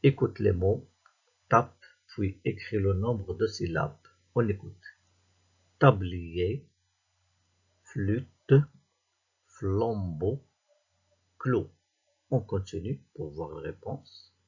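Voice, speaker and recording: A man with a Moroccan French accent, reading a worksheet aloud to young pupils as their teacher, slowly and deliberately, word by word. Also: lowish voice, expressive, slightly rough, highs cut off. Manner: slow and deliberate, reading words and syllables one by one. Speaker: primary school teacher.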